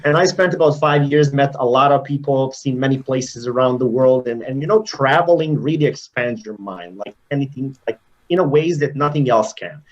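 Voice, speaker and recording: A man's voice: mid-range voice, normal speed, dull audio. A man in his thirties from Serbia, with a Serbian accent, telling his story as an interview guest in a reflective, rambling way over a video call. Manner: reflective, rambling, animated in places.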